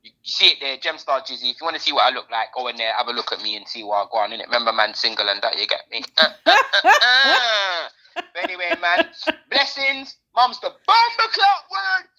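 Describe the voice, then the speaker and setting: A man's voice: mid-range voice, sing-song, racing, pushed and bright, poor audio. A man co-hosting a podcast in casual, opinionated, slangy chat. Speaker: podcast co-host.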